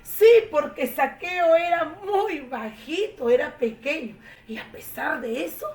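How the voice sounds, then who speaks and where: Slow, high-voiced woman telling a children's story. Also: distant mic. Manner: expressive, addresses children. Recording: echoey room, faint noise.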